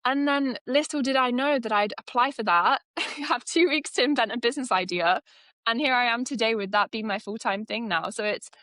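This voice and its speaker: A woman's voice: on the high side, brisk, bright, forceful tone, no echo. A woman in her twenties from the UK, an AI consultant answering podcast interview questions with frequent laughter. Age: 20s. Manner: enthusiastic, laughs often. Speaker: guest, AI consultant.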